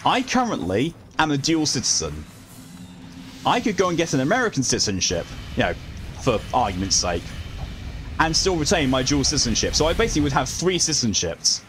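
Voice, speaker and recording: A man's voice: on the high side, wildly swooping pitch, a little fast, fairly bright tone. A man streaming a video game, chatting casually in a rambling, wry way with some swearing. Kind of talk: casual live game commentary and chat. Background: game music.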